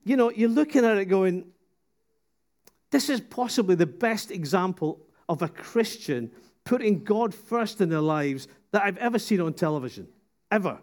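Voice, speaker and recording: High-voiced male preacher, animated storyteller, sermon in a church, casual and lively. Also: moderate pace. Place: church service.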